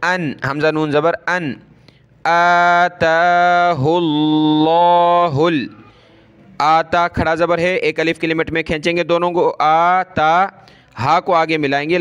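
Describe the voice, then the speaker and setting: A man teaching Quran recitation, spelling out each word letter by letter and vowel by vowel before chanting it slowly. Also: on the high side, fairly bright tone, smooth.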